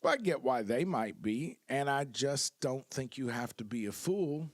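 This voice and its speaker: Male podcast guest, mid-pitched, easygoing and reflective, dry close-mic sound. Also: lively intonation, a little slow, no room sound. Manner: reflective, easygoing, laughs at times. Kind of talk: casual podcast conversation.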